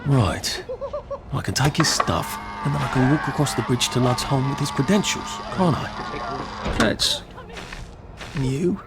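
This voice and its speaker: A man's voice: medium pitch, lively intonation, unhurried, pauses often, loud music behind the voice. An actor voicing a wry, nervous young man in a video game, muttering dry self-mocking asides.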